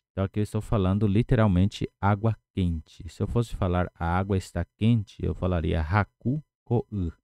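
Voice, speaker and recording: Low, dark-voiced man teaching words patiently. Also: gravelly, no echo. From Paraguay. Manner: patient, repeats words slowly. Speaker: language teacher. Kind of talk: lesson explaining words at a whiteboard.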